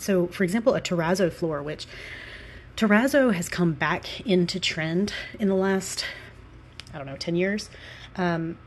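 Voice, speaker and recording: A Southern American woman in her thirties, congested with allergies and slightly out of breath, rambles casually with lots of fillers as she talks through a building design as a Sims builder and architect. Her voice is lowish, with a little hiss or hum.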